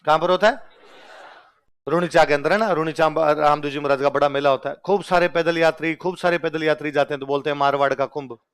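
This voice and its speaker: This exam-prep lecturer from Rajasthan talks fast in a slightly high, steady voice that is smooth and a bit bright. He quizzes listeners by repeatedly posing questions and supplying the answers himself.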